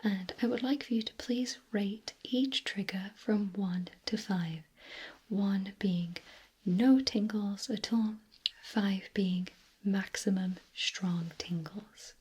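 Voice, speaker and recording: A woman performs a whispered role-play as an ASMR clinic examiner. Her voice is an airy, unvoiced whisper with very little tone in it. She takes her time, phrasing things gently and softly, as if questioning a patient. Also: medium pitch, slow, slightly rough, rough recording.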